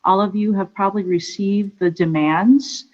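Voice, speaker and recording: A woman speaking at a public council meeting, pausing often and searching for words. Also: mid-range voice, steady tone, darkish tone. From Philippines, raised in Michigan. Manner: hesitant, many pauses and fillers. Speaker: public commenter. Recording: dull lo-fi remote audio.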